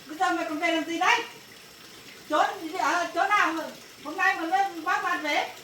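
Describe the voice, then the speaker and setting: A woman's voice: very high voice, fairly quick. A woman acting as an angry rural mother who scolds her daughter, in a family drama. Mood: scolding. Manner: scolding, shouting bursts. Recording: echoey, from far off, faint noise.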